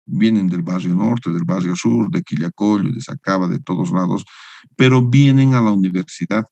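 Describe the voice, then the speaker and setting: Over a video call, a man delivers an online engineering lecture to university students, teaching didactically and regularly checking in with tag questions. His low voice is creaky and warm at a moderate pace, and the recording is muffled with no room sound.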